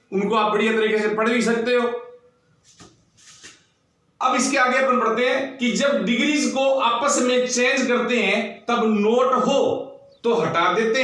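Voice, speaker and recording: A man's voice: extremely high pitch, a bit bright. A man teaching a grammar lesson, who explains step by step and spells words out letter by letter. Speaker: school teacher. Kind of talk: recorded classroom grammar lesson. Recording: roomy echo, far from the mic.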